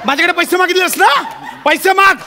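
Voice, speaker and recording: A man performing a stage comedy sketch, blustering and shouting at the others. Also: very high voice, fast, a loud crowd, heavy background noise. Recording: stage show with loud music and audience laughter.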